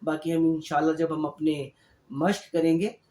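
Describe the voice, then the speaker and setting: A man teaching Quran reading in an online lesson. He explains step by step and repeats syllables slowly and patiently. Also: a little high, little pitch movement, warm tone, roomy sound. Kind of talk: online lesson, slow drilled letter sounds.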